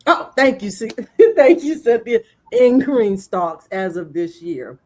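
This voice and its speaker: A woman's voice: medium pitch, big pitch swings, takes it slowly, a little mellow. A woman co-hosting a casual live gardening chat, introducing herself in an easygoing way. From Maryland. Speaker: co-host, homestead channel host.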